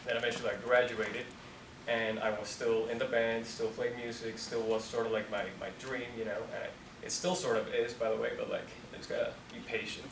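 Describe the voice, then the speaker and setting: A Colombian company founder in his twenties chats casually with students in a university room, rambling in a relaxed way and saying "like" constantly. His voice sits mid-range and moves a little fast. The recording is noisy, with a distant mic and an echoey room.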